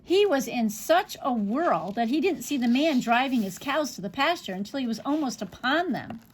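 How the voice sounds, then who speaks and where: A woman's voice: high voice, moderate pace, slightly rough. Woman reading a picture book aloud. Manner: expressive read-aloud with small slips and restarts. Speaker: storybook reader.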